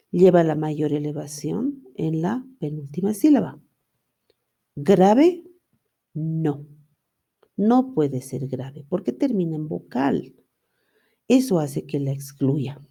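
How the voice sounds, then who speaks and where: Slow low-voiced lady teacher going over student mistakes, gravelly and kinda husky, keeps asking then answering her own questions. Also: dark tone. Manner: explanatory, poses rhetorical questions and answers them. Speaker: university language teacher. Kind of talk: lecture reviewing student assignments.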